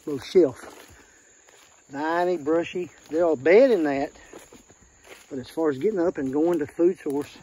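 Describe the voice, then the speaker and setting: A man's voice: on the high side, warm tone, rough recording. A man with an Arkansas Southern accent talks casually and plainly, folksy in manner, pointing things out as he explains deer scouting in the woods. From Arkansas, United States. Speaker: deer hunter giving scouting tips. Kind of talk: casual outdoor vlog, explaining while scouting. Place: outdoors in the woods. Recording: outdoor field recording with faint natural noise.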